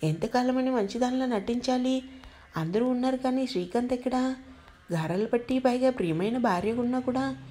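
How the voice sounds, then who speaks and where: Brief: a sly, scornful schemer, read by a female narrator, slightly high voice. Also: brisk, warm tone, lightly acted.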